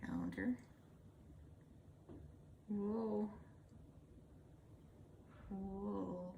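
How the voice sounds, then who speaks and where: A woman's voice: mid-range voice, sing-song, drawn-out words, vocal fry, dull audio, noisy background. A woman chatting casually to herself and her cat while she paints, teasing her own work. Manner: mutters to herself and her cat, self-mocking. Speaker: hobby mural painter. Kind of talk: casual running commentary while working. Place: indoors at home by a window.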